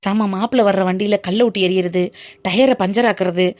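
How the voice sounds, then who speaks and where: A woman's voice: mid-range voice, steady tone, fairly quick, darkish tone, lightly acted. A woman voicing a brash, cheeky young female best friend in a cartoon, teasing and bantering. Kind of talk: cartoon voice acting.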